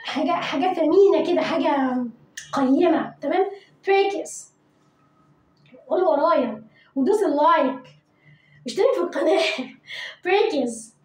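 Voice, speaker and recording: A woman with an Egyptian Arabic accent teaching English vocabulary to children, repeating each word slowly and coaxing pupils to say it after her. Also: high-pitched, expressive, a little mellow, roomy sound, low-quality recording.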